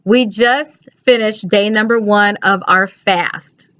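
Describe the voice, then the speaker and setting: A woman's voice: medium pitch, slow pace, a bit bright, no echo. A middle-aged American woman chatting casually to camera, giving plain-spoken, instructive advice straight to the viewer. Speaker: video blogger. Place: small indoor home room. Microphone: webcam or laptop mic at arm's length. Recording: dull lo-fi webcam audio.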